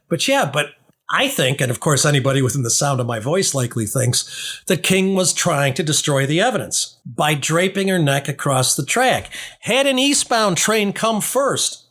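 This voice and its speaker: Higher-pitched man, argumentative podcast commentary. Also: fairly bright tone. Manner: argumentative, skeptical, rebutting points with rhetorical questions. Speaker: podcast host. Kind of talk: true-crime podcast commentary on a trial.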